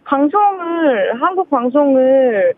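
A woman's voice: high voice, big pitch swings, slow pace, no room sound. A woman in her thirties calling a radio show from a car, talking shyly and hesitantly. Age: 30s. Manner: shy, hesitant, giggly. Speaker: caller. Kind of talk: casual radio phone-in chat. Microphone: phone call from a moving car. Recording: tinny phone line.

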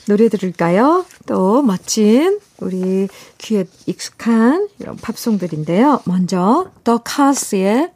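A middle-aged woman with a mellow, soft-edged, mid-range voice hosts a radio show, reading listener letters and chatting about them. She is warm and chatty, laughs often, and drops teasing asides. She is close on a dry studio microphone with no room sound or echo.

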